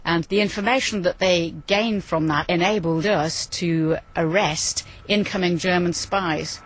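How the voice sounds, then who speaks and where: A woman explaining history in a measured, explanatory way in a documentary interview. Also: fairly low pitch.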